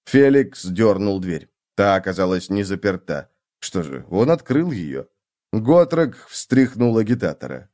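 A man's voice: on the low side, big pitch swings, a little slow, darkish tone. A man narrating a fantasy novel as an audiobook, reading expressively and voicing each character.

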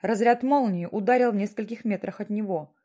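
A woman's voice: mid-range voice, fairly quick, dark tone. A woman reading an audiobook as narrator, telling the story expressively. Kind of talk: scripted narration.

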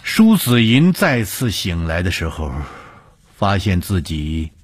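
A man narrating a scripted ghost story with a measured, suspenseful delivery. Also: low-pitched, very animated.

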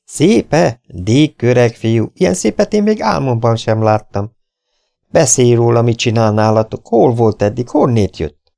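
A man's voice: medium pitch, steady tone, a little mellow, smooth, pitched above the performer's own voice, lightly acted. A man voicing a bashful, smitten young man who talks eagerly and pleadingly. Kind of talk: audiobook character voice.

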